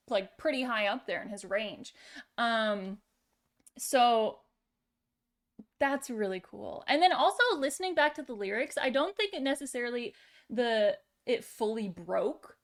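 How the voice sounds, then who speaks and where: A woman singer giving casual reaction commentary on a song, searching for words and stopping often with fillers. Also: a little high.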